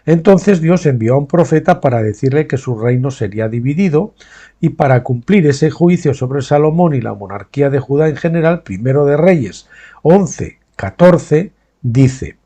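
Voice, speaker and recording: A man's voice: fairly high pitch, expressive, dark tone, slightly rough. A man reading a Bible study aloud, breaking off with his own asides and questioning tags to check that listeners follow. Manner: pauses to explain names and terms in his own words. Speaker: Bible teacher.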